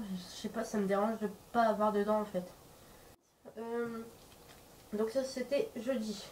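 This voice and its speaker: A woman's mid-range, darkish voice sounds congested and sore-throated from a cold as she chats to camera as a vlogger. Her talk is hesitant and rambling as she searches for words, and the distant mic picks up faint background noise.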